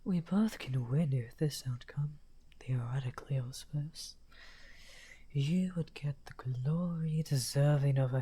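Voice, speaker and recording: In an ASMR roleplay, a medium-pitched man voices a lonely, misunderstood evil wizard, speaking softly and courteously. His voice is breathy and whispery, and he sounds musing and gentle, talking slowly and haltingly.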